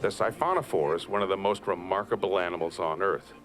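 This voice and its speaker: A man's voice: low voice, expressive, fairly quick. A man with an American accent, an oceanographer narrating a nature documentary from a script. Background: music.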